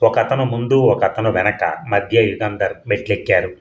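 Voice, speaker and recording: Brief: male audiobook narrator, measured and plain, lowish voice, echoey muffled recording. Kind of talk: reading a novel aloud. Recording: dull, echoey room.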